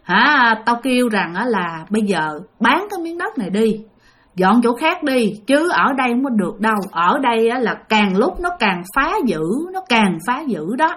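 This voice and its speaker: A woman's voice: on the high side, big pitch swings, normal speed, fairly bright tone. A woman voicing a blunt, scolding old female ancestor spirit who speaks through a medium in a storytelling recording.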